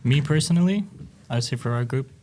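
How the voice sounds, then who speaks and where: A young man from Albania talking casually in a student discussion, relaxed and rambling, laughing now and then. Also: medium pitch, fast talker, a little hiss or hum. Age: young adult. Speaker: student panelist.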